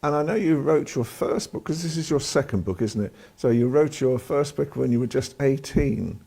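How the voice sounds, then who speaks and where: A male TV interviewer with a gravelly, mellow voice. He asks questions in a live broadcast interview and tends to stumble over repeated words as he begins each question. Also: mid-range voice, normal speed.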